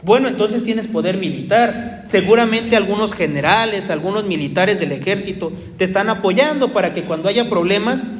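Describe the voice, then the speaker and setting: A man's voice: high voice, normal speed, hardly any pauses, slight background noise, natural voice. A man voicing a skeptical male Roman philosopher who fires off incredulous questions, told within a sermon. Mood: questioning. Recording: echoey hall reverb.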